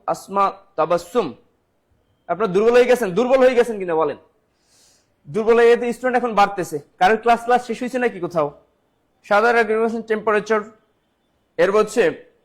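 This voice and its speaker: A high-pitched man runs a live online exam-prep class. He fires questions at viewers, repeats each answer several times and calls out commenters by name. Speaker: teacher.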